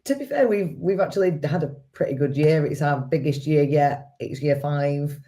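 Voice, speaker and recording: A woman answering interview questions in a measured, explanatory way, with a croaky voice from a cold. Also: low voice, warm tone. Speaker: guest, social media business owner.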